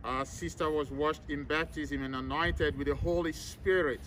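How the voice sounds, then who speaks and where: Higher-pitched priest, solemn graveside prayer, noisy outdoors. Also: male voice, fairly even intonation, fairly bright tone. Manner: measured, formal liturgical recitation. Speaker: priest leading a graveside service. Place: outdoors in an open cemetery. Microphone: camera several meters away, speaker masked. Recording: outdoor recording with clear background noise.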